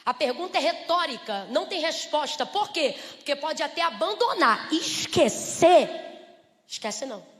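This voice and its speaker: Pregadora brasileira animada, voz aguda, faz pergunta pra igreja toda hora, eco de salão. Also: female voice, high voice, big pitch swings, normal speed, a bit bright. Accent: Brazilian. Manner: rhetorical questions to the congregation, acts out little scenes. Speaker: preacher. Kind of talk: lively church sermon. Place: church. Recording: reverberant church hall.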